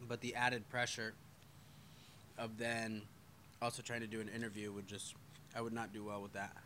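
A man's voice: lowish voice, completely flat delivery, moderate pace, bright, forceful tone, slight background noise. A man hosting a podcast live stream, chatting casually and reading viewer comments aloud, loose and self-deprecating, with the odd curse word.

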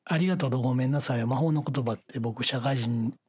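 A man's voice: medium pitch, fast, a little mellow, breathy edge. A man with a Kyoto accent hosting a podcast in casual, joking chat. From Kyoto, Japan. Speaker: podcast host.

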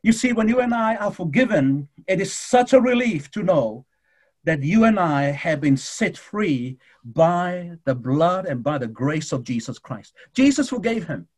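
A man preaching a sermon in a husky, slightly raspy voice that sits high for a man. He speaks fervently to his congregation, slowing down and dropping low for dramatic pauses. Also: sing-song, a little mellow. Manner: addresses the congregation directly.

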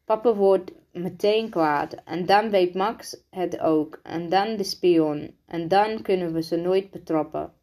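A woman's voice: fairly low pitch, takes it slowly, few pauses, darkish tone. A woman reading as a bold young girl. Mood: urgent.

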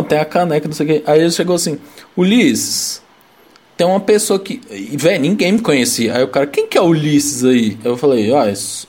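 A man's voice: a little high, a little mellow, husky. Young man telling a story through laughter. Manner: laughing storytelling with lots of slang and fillers. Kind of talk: casual chat.

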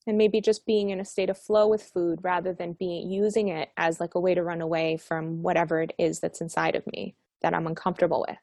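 A woman's voice: fairly low pitch, flat delivery, fairly quick, gravelly, few pauses, darkish tone, dry recording, clean studio sound. Upbeat woman author from Colombia. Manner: upbeat, enthusiastic. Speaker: author and guest. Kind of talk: casual interview talk.

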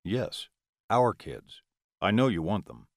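A man voicing an affectionate male vampire lover in an audiobook, speaking low, calm and reassuring. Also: slow, dry recording, clean studio sound.

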